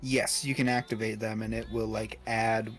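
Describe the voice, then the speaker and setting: A man's voice: lowish voice, level tone, moderate pace, fairly bright tone, faint music behind. A man casually chatting and teasing while streaming a video game, in a playful, mock-indignant manner.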